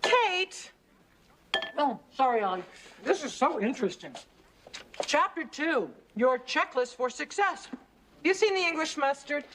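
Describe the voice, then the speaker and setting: An upbeat woman talks about her catering business and cheers up her friend. Her voice sits a little high and sounds chirpy. A faint hiss runs under this old TV recording. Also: animated, unhurried, pauses often, fairly bright tone. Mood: cheerful. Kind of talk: sitcom acting.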